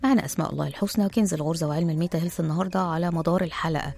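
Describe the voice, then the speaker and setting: A woman's voice: sits low, racing, gravelly, darkish tone. A woman radio host with an Egyptian accent, delivering a rhyming, preachy monologue of advice from a studio. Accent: Egyptian Arabic. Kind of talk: radio talk show monologue.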